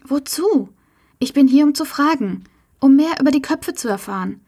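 Woman reading nervous young woman in an audiobook, kinda high, asking stuff urgently. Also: lively intonation, moderate pace, a little mellow. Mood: pleading. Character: young woman, anxious and questioning.

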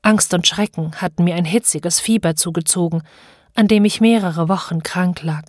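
A woman narrating an audiobook of classic literature with measured, dramatic storytelling. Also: on the low side, darkish tone, dry recording, studio quality.

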